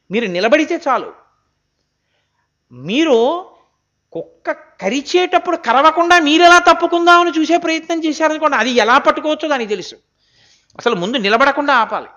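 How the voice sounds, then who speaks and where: A man's voice: very high voice, pushed and bright. A man giving a religious discourse, asking rhetorical questions and reciting verses. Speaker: spiritual discourse speaker.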